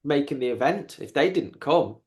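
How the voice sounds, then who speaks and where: A man in his fifties hosting a podcast, chatting casually in a halting way, often repeating words. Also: on the high side, animated. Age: 50s. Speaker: podcast host. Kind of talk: casual interview chat.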